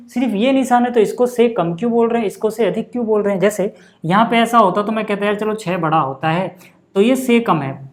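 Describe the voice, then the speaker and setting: Male maths tutor, patient and repetitive, checks in constantly with rhetorical questions. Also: high-pitched. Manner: patient, repeats examples slowly. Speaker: maths teacher. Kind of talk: whiteboard maths lesson.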